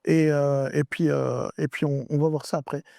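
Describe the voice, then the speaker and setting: A man's voice: a little high, moderate pace, creaky, dry recording, clean studio sound. A man guest on a podcast, casually telling a story and acting out the dialogue with slangy street talk. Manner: animated, acts out dialogue, slangy street French.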